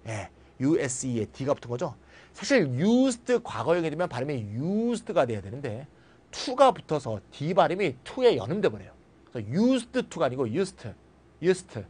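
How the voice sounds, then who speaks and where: A middle-aged man giving a recorded grammar lecture who checks with his students and acts out short everyday lines. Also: on the high side. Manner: lively, switches between formal and casual speech, often asks students to confirm.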